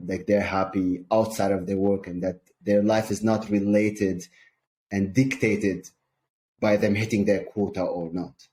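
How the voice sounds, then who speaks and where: A man from Syria, a sales coach, speaking calmly and measuredly as an interview guest, with frequent ums. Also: deep voice.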